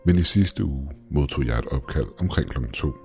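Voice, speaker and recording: A man narrating a scripted first-person story in a steady, measured way. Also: very deep voice, soft background music.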